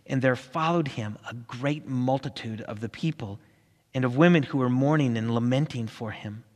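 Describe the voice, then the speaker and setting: A man reading scripture aloud in a steady, earnest way, with small slips. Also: medium pitch, normal speed. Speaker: scripture reader. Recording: long hall reverb.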